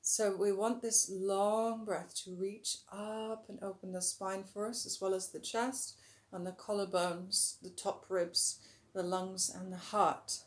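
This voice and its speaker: In this breathing tutorial, a yoga teacher speaks at a medium pitch in a calm, instructive manner. Her voice is a little rough, and she occasionally stretches words and grows quieter as she leads the breath.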